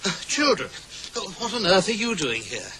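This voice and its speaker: A dithery kind wizard, highish voice that jumps around a lot, tv comedy. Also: male voice, big pitch swings, normal speed, background noise. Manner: flustered and hesitant. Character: bumbling, kindly male wizard. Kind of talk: TV comedy special acting.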